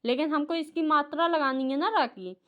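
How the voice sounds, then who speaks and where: Patient high-voiced woman tutoring. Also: moderate pace, lo-fi sound. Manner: patient, asks questions and repeats answers. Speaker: tutor teaching a child. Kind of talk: home tutoring, Hindi lesson.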